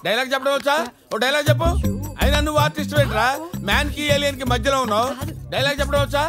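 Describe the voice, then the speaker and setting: An actor playing a short-tempered, boastful man in a film comedy, scolding loudly. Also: very high-pitched, racing. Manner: loud scolding, bossy and boastful. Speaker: comic film character. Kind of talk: Telugu film comedy scene. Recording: film soundtrack with loud music.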